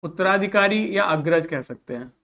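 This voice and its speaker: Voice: mid-range voice, animated, brisk, a bit bright. A teacher giving a recorded vocabulary lesson who asks the students questions and answers them, repeats each word, and spells words out letter by letter. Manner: explains in Hindi, mixing in English words and read-out English phrases.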